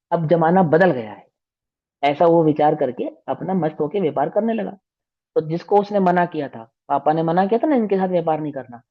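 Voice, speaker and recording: A man teaching a religious lesson to children, telling stories with animated delivery and often asking the class questions. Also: fairly high pitch, lo-fi sound.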